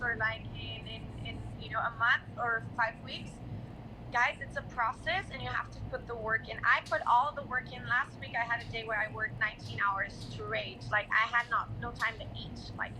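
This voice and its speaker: A woman's voice: on the high side, background noise. A woman from Brazil hosting a casual live stream from her apartment, answering viewers' questions and talking in loose, repetitive speech full of "guys" and "like". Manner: filler-heavy, repeats "guys" and "like". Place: apartment in a hot humid city.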